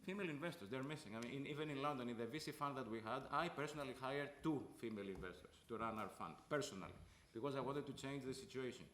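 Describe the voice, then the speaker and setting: A man's voice: mid-range voice, fast talker, few pauses, fairly bright tone, roomy sound, a little hiss or hum. A man from Greece speaking as a panelist, earnest and repeating points for emphasis. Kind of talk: panel discussion.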